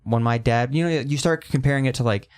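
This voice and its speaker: A man's voice: medium pitch, quick pace, darkish tone, clear, resonant tone. A man in his thirties in casual podcast chat, rambling and emphatic, swearing freely. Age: 30s.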